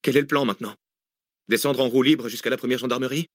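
A man's voice: medium pitch, fairly even intonation, fast talker, no room sound, studio quality, voice pushed up, lightly acted. A man reading an audiobook, voicing an angry, sarcastic female researcher on the run. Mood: sharp. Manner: biting, sarcastic, exclamatory. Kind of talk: audiobook character voice.

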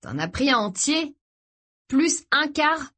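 An exasperated young brother, swearing and pressing with urgent questions, voiced by a female narrator a little above her usual pitch. His voice rises sharp with alarm. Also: sing-song, slow, exaggerated voice.

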